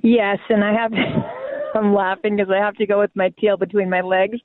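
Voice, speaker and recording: A woman calling in on the phone, talking quickly and sheepishly. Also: mid-range voice, little pitch movement, noisy background. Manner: sheepish, laughing, quick talk. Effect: over the phone. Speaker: caller. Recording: tinny distant phone line.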